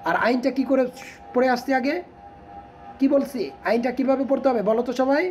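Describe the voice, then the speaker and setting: A man teaching children to read Quran letters, asking them questions and repeating the sounds slowly. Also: extremely high pitch, fairly even intonation, darkish tone, faint music behind.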